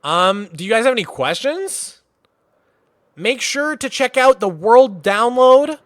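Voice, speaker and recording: A very high male voice speaks a little slowly, studio quality with no room sound. He's from Massachusetts, USA and is exploring a game world on a casual livestream, talking in a relaxed, chatty way full of "like."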